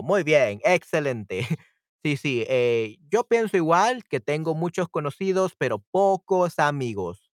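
A man's voice: on the high side, no room sound, studio quality. A man teaching a live online Spanish lesson, reacting to viewers' comments by name and repeating his explanations in English. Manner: slows down and stretches out example words.

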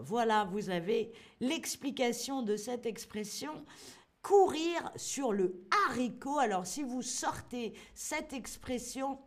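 A woman with a fairly high voice leads a live online language lesson. She talks slowly and playfully and keeps putting questions to her viewers. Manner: lively, playful, asks learners questions and answers chat. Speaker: French teacher.

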